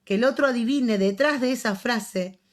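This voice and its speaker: A woman's voice: fairly high pitch, moderate pace. An Argentine-accented woman lectures her psychology students over a video call. She keeps it conversational and joking, with frequent little check-ins with the class. The sound is that of a plain computer microphone. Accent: Argentine Spanish. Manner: chatty, joking, often checks in with "¿sí?". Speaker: psychology teacher.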